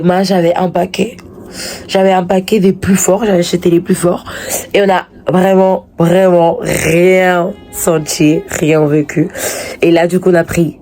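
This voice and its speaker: A woman's voice: fairly low pitch, dark tone. A woman chatting casually to camera as a vlogger, hesitant and often repeating her words and phrases.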